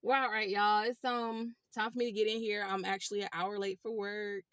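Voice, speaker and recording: A woman telling a rideshare story to her viewers in a casual, animated way. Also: medium pitch, a little fast, no echo, clean studio sound. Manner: animated, chatty, addresses viewers as y'all. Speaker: rideshare driver vlogger.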